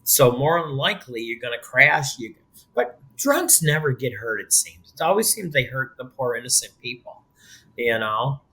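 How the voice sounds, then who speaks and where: Bright-voiced joking male podcast host. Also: medium pitch, big pitch swings, normal speed, low-quality recording. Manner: joking, teasing banter. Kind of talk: casual chat.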